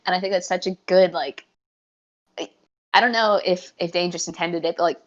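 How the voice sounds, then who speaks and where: A woman's voice: on the low side, fairly even intonation, fairly quick, dull audio. A woman co-hosting a podcast in casual chat, eager and rambling, often restarting her sentences. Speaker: podcast co-host.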